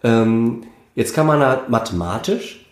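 A man's voice: mid-range voice, animated, a little slow. A man explaining music theory in a casual conversation, counting beats aloud to demonstrate. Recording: roomy echo.

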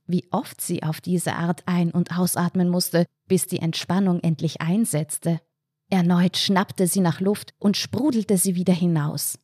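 A woman, reading a humorous short story aloud in a calm, wry narration. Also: fairly low pitch, no room sound, studio quality.

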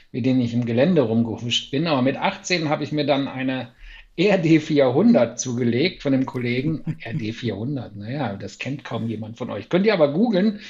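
A man's voice: mid-range voice, darkish tone. A man in his early sixties talks as a guest on a casual podcast, spinning stories with easy self-deprecating humor and the odd chuckle. His voice sits in a middle register. The recording is slightly dull and muffled. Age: 60s. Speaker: podcast guest, mental coach. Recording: dull lo-fi sound.

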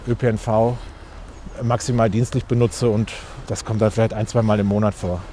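A man's voice: fairly low pitch, level tone, fairly quick, warm tone, a little hiss or hum. A man, answering interview questions outdoors with many fillers and restarts. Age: 40s. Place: outdoors on a street.

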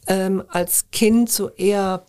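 An older woman, a former journalist, answering interview questions in a measured, thoughtful way with frequent hesitations. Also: medium pitch, fairly even intonation, mellow.

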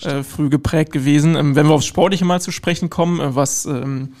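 Male host, somewhat high pitch, friendly and thorough interviewer. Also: fairly even intonation, brisk, a little mellow. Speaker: podcast host. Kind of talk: casual interview.

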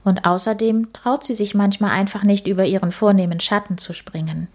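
A woman's voice: medium pitch, fairly even intonation, fairly quick, a little mellow, natural voice. A woman voicing a sad, tired female ghost who speaks politely but in a whiny, plaintive tone, in a storybook reading.

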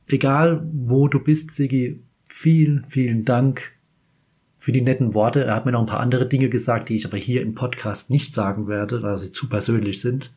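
A man's voice: medium pitch, dark tone, husky. A man from Kaiserslautern in Germany, a podcast host, telling a personal story in a chatty, meandering way and often correcting himself mid-sentence. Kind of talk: casual storytelling anecdote.

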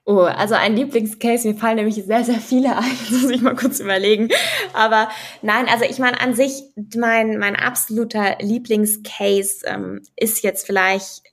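A young woman, a finance and crypto expert, appears as a guest on a conversational podcast interview. Her fairly high voice keeps a steady tone at normal speed as she explains things thoughtfully, with many fillers and restarts.

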